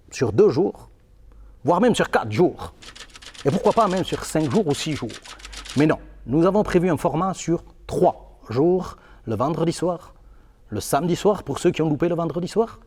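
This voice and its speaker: Guy putting on a pompous bavarian-belgian beer ambassador, fake german accent, fancy talk, highish voice in a big echoey hall. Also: a little mellow. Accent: put-on German-Belgian. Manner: formal, keeps adding "n'est-ce pas" and "voyez-vous". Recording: hall reverb.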